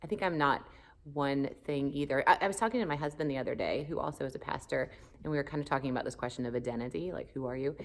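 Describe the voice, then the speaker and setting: A Southern US pastor in her forties speaks candidly in an interview, thoughtful and animated, with many fillers. Her voice rumbles low and her pace is quick, captured on a phone camera.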